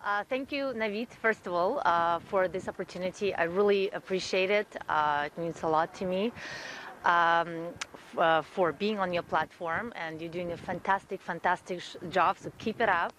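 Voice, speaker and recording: Woman, earnest and low-voiced. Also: normal speed, a bit bright, slight background noise. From Russia. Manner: earnest, frequent fillers and repeated words. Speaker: guest, event producer. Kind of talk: guest interview, self-introduction.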